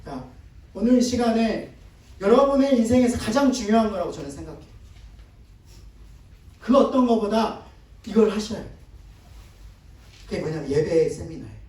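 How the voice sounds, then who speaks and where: Male pastor, high mellow voice, chatty sermon style that draws in the congregation; distant, very echoey church hall sound. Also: expressive, moderate pace, pauses often. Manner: conversational, prompting the congregation to repeat and answer. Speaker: guest pastor. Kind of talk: sermon seminar. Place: church sanctuary.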